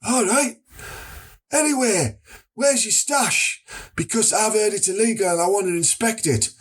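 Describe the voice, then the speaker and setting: A man's voice: high-pitched, a little slow, slightly rough, pitched above the performer's own voice. A man playing an earnest, wary undercover copper with a Northern English accent in a comedy sketch, hesitant and bluntly sweary. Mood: indignant. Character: earnest, wary male undercover copper, easily won over.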